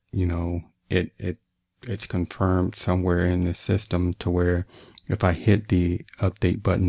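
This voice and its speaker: A man's voice: deep voice, creaky, darkish tone, no echo. A man giving a casual gadget demonstration as a reviewer, talking through each step, with a slight lisp and slur from wearing braces. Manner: talks through steps as they are done. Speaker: tech reviewer and host.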